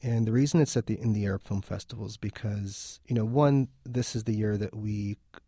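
Low gravelly man, dark and flat. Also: brisk, no room sound, clean studio sound. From Lebanon. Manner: thoughtful, with frequent restarts. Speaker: film festival organizer. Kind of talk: radio interview.

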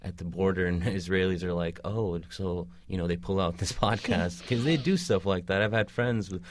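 A young man, a podcast guest, talking haltingly in a casual discussion with many restarts and fillers. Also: deep voice, no echo, studio quality. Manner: hesitant, restarting, lots of "like".

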